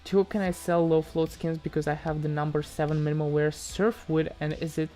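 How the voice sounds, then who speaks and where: A man from Moldova, his voice on the high side and mellow, chats casually on a livestream while answering viewers' questions. He speaks fairly quickly in a level tone over soft background music, sounding hesitant, often repeating himself and trailing off.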